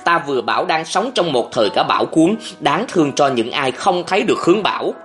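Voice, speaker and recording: A reader playing a calm, steady male general. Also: mid-range voice, brisk, soft background music, pitched above the performer's own voice, lightly acted. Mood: reflective. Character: calm, thoughtful male general, fond and measured. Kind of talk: audiobook character voice.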